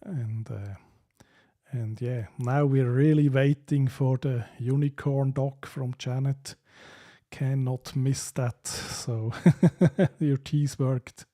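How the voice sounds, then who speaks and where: On his casual live stream, the Swiss host reads out what viewers have written, laughing often as he stumbles through hesitant, filler-filled sentences. He speaks slowly with a Swiss accent, in a medium-pitched, dark-toned voice with fairly even intonation, and he comes from Switzerland.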